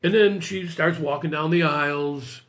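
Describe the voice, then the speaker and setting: A man's voice: fairly high pitch, moderate pace. A man in his sixties, a podcast guest, telling a story casually and acting out the dialogue he recounts. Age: 60s. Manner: animated retelling, acts out quoted dialogue.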